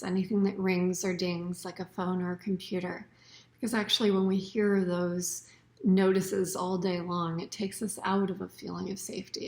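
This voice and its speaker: Her voice mid-range and creaky, a woman teaches yoga nidra through a soothing, slow-paced guided meditation, often letting her phrases trail away into soft breathing.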